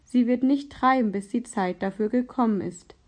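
A woman voicing a gentle, earnest boy. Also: fairly high pitch, lightly acted. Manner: gentle, earnest, halting in prayer.

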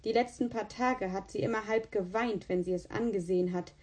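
A woman voicing a sick, exhausted boy who talks in a flat, tired way and mutters. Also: mid-range voice, a little slow, gravelly. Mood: peevish. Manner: listless and muttering. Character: sick, weary, sullen boy.

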